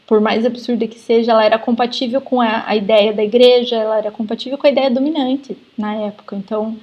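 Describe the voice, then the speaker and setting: A woman's voice: on the high side, steady tone, quick pace, muffled recording. A woman with a Brazilian accent teaching in a live online class, explaining at length with frequent fillers. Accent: Brazilian Portuguese. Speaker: genetics lecturer. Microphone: video call.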